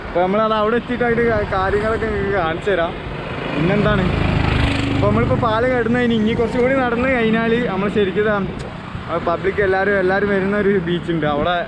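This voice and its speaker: A man with a Kerala Malayali accent chatting excitedly to viewers in a casual outdoor vlog, mixing Malayalam and English and often repeating his phrases. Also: high-pitched, fast. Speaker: vlogger. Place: outdoors on a seaside bridge and beach walkway. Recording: loud outdoor wind and traffic noise.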